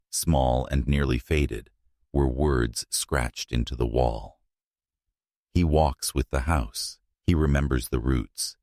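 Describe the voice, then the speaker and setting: A man narrating a scripted horror story in a hushed, suspenseful manner, in short, measured phrases. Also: a bass voice, no echo, studio quality.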